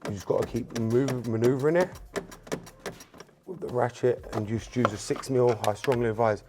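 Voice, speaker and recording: The background is noisy as a man with a medium-pitched voice speaks at a moderate pace. Hosting a hands-on car repair tutorial on his mechanic channel, this native Spanish speaker talks casually, addressing viewers as "you guys" while he works and relying on fillers like "um" and "obviously."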